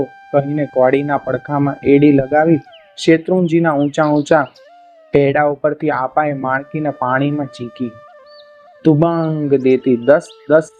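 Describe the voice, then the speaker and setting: A man reading a folk tale aloud in a steady, dramatic storytelling manner. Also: a little high. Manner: steady dramatic storytelling, voicing cries of the characters. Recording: dull lo-fi recording with faint music behind.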